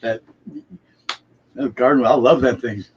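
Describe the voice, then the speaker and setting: A man co-hosting a casual live chat about home growing. He rambles along in a folksy, unhurried conversational way. The sound is slightly dull, with faint noise behind him. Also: medium pitch, a little mellow. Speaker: live stream co-host. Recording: muffled, noisy live-stream audio.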